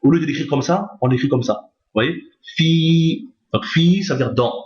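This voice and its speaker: A man's voice: on the high side, moderate pace, darkish tone. A man teaching how to read Arabic in a recorded lesson, patiently repeating each point and checking that his listeners follow. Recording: echoey, dull lo-fi recording.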